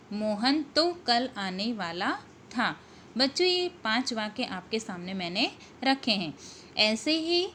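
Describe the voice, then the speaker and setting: An Indian woman teacher talks through a grammar lesson at a very slow, deliberate pace, leaning on the words she wants students to catch. Her voice sits a little high, with a faint hum of room ambience behind it. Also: a bit bright. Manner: slow, patient explaining, stressing key words. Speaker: school Hindi teacher.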